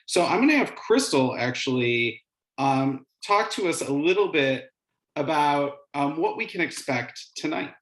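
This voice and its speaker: Middle-aged man, halting, in an echoey room. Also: fairly high pitch, animated, fairly bright tone. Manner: hesitant, halting phrasing with frequent pauses. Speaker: instructional coach and webinar presenter. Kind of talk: informal presentation. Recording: roomy, echoing sound.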